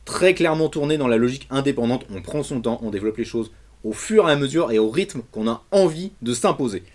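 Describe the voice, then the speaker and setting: A man hosts a casual video review, talking fast and loose with plenty of slang. His delivery is animated and emphatic. He speaks at an ordinary middle pitch. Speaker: comics reviewer.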